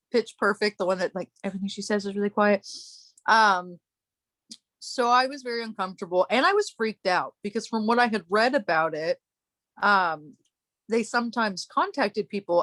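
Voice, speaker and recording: A podcast host with a medium-pitched, slightly bright voice, recorded with no echo, leads a casual chat. She tells a long, rambling story, often breaking off to laugh.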